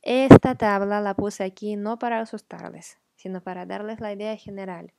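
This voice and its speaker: A woman with Ukrainian as her first language, patiently explaining grammar as a teacher and repeating example words slowly. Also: mid-range voice, fairly even intonation, vocal fry, very noisy.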